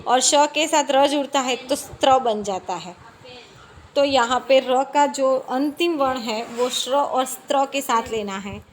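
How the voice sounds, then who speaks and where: A woman's voice: high voice, unhurried, slight background noise. A woman teacher explaining a lesson patiently, spelling out letters and asking her own questions.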